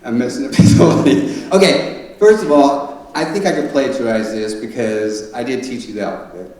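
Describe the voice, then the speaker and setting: A man's voice: medium pitch, a little mellow. Echoey, folksy father of the bride speech. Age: middle-aged. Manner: folksy, conversational, joking delivery with halting asides. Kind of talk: father of the bride wedding speech, joking and sentimental. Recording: very echoey room, distant mic, noisy.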